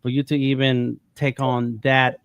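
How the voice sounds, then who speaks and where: A man's voice: mid-range voice, level tone, a little slow, clean tone, dry recording, clean studio sound. A man in his fifties from the United States, talking casually on a panel, rambling with many restarts. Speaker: panel guest.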